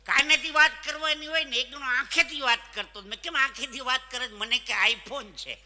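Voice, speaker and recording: Male folk comedian, high bright voice, live stage show with long hall reverb, animated punchlines. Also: normal speed. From Saurashtra, Gujarat. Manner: animated joke-telling, punchlines. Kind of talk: live stand-up storytelling.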